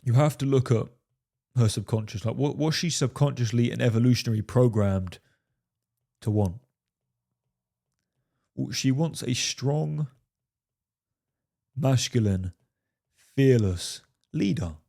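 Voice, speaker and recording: A man's voice: medium pitch, takes it slowly, creaky, pauses often, warm tone. A man giving dating advice straight to camera, emphatic, often saying "fellas" and "right?" and swearing for emphasis. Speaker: dating coach. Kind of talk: direct-to-camera advice monologue.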